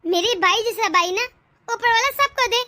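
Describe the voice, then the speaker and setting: A woman's voice: very high voice, moderate pace, pushed and bright. A woman voicing a scheming, bossy sister-in-law in a cartoon, taunting and sly. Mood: smug. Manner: taunting, sly, self-pitying. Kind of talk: cartoon voice acting.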